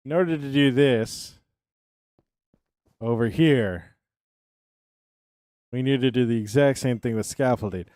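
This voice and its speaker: Building in a game on a live stream, this thirties-aged man talks casually to himself and his audience, humming fillers and repeating words as he goes. The medium-pitched voice is a little mellow and a little slow, with long pauses, in a clean, dry studio recording.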